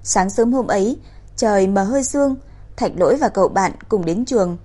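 Woman, audiobook narrator, even steady delivery, mid pitch. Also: normal speed.

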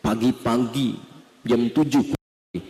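A man's voice: medium pitch, steady tone, takes it slowly, warm tone. A man preaching a sermon, telling a story and speaking directly to the women listening. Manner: storytelling, addressing women listeners directly, acts out quoted voices. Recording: long hall reverb.

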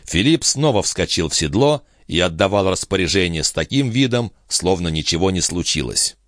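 Expressive male audiobook reader, low and animated. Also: moderate pace, dry recording, clean studio sound. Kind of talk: scripted narration.

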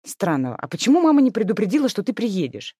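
A woman's voice: mid-range voice, very animated, quick pace, warm tone, husky, dry recording, clean studio sound, voice pushed up. Woman playing an exasperated older sister. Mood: exasperated scolding. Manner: stern, scolding.

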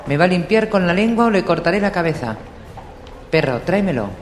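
A man voicing a spoiled, cruel boy king who shrieks loud commands. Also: on the high side, expressive, fairly quick, lightly acted. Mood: furious shrieking. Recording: echoey room with long reverb, faint hiss.

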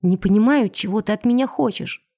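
A woman reading an audiobook, voicing a defiant, quick-tempered young woman who protests loudly. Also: medium pitch, lightly acted. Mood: bewildered. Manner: indignant, exclamatory.

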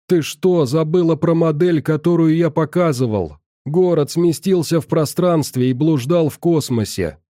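A man's voice: medium pitch, warm tone, dry recording, studio quality, close to an everyday voice. A man voicing an agitated middle-aged male scientist who argues defensively and insists he meant well.

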